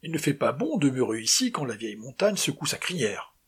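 A man reading a story aloud, voicing a blunt, mocking Spanish sailor with a husky voice who calls out loudly. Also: mid-range voice, big pitch swings, fairly quick. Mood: brash. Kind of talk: audiobook character voice.

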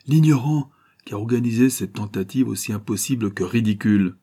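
Guy reading as an angry skeptic stranger, raised voice, scornful, low husky tone under it. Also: brisk, mellow. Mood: angry, contemptuous. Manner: vehement, scornful objections. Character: heated skeptical male stranger, hostile.

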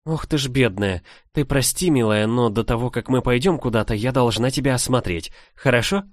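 A man's voice: medium pitch, lively intonation, normal speed, no room sound, clean studio sound, pitched above the performer's own voice, lightly acted. A man putting on a fussy motherly village woman. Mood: fussing. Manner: chatty, fussing, motherly. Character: plump kindly village woman, fussing.

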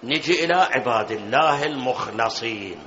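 A man's voice: mid-range voice, expressive, normal speed, bright, forceful tone, a little hiss or hum. A man giving a religious lecture to a gathered audience, often asking them questions and chanting verses of scripture. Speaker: preacher. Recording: dull lo-fi sound with long hall reverb.

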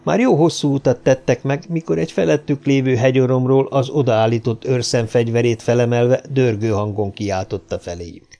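A man reading an audiobook in a steady, measured storytelling manner. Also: mid-range voice, creaky. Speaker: audiobook narrator. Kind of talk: scripted narration.

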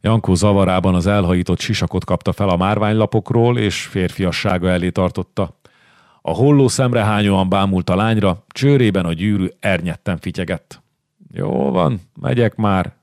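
A man reading a historical novel aloud as audiobook narrator, with steady, measured storytelling. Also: deep voice, no room sound, clean studio sound.

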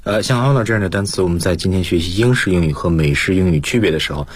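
A male teacher walks through English words and grammar in a radio studio. His voice is deep and husky. He drops English terms into his Mandarin explanations in a patient, explanatory way. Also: very fast, no room sound. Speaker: guest lecturer, school principal.

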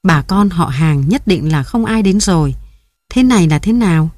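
A woman's voice: on the low side, animated, normal speed, darkish tone, no room sound, clean studio sound. A woman voicing an old mother grieving at her son's grave, calling to him in a tearful, pleading lament. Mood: bewildered.

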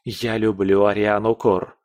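A man's voice: on the low side, level tone, unhurried, a little mellow, no echo, clean studio sound, natural voice. A man voicing an earnest young nobleman in love who speaks firmly and stubbornly.

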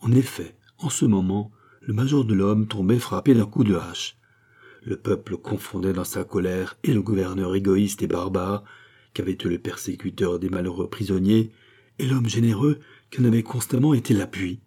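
Male narrator for a classic novel; low, dark, slightly husky, measured and dramatic. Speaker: audiobook narrator.

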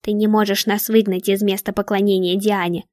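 A woman reading a story aloud, voicing a scheming, sarcastic dark witch who mocks and hisses. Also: medium pitch, flat delivery, brisk, dry recording, clean studio sound, natural voice. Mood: defiant. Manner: mocking, hissing.

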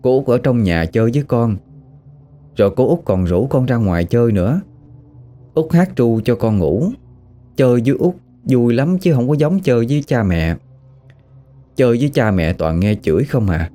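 A man's voice: medium pitch, animated, moderate pace, mellow, faint music behind, natural voice. A man voicing a sulky little girl in a told ghost story, pleading and childlike.

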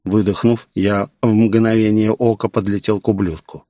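A man's voice: fairly low pitch, level tone, moderate pace, warm tone, no echo. A man narrating a first-person audiobook in a cool, sardonic manner.

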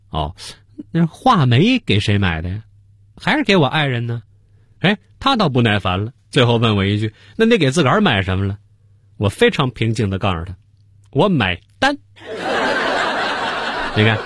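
Lively male comedy show host. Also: mid-range voice, husky, no echo, studio quality. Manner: lively storytelling with punchlines. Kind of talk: studio TV comedy show hosting.

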